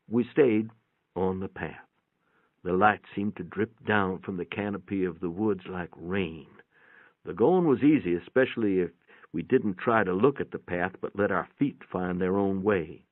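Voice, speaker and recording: A man reads fiction aloud in a voice sitting on the low side, narrating in the first person with a folksy, matter-of-fact delivery. The recording sounds narrow and phone-like, with very little room sound and no echo.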